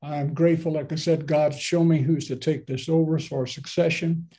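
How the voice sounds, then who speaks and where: A pastor in his seventies delivers his sermon from a small home office, speaking into a laptop webcam on a video call. His fairly high voice is mellow and warm, with fairly even intonation and a normal pace. He preaches in a loose, rambling, conversational way, full of asides and frequent questions to his listeners.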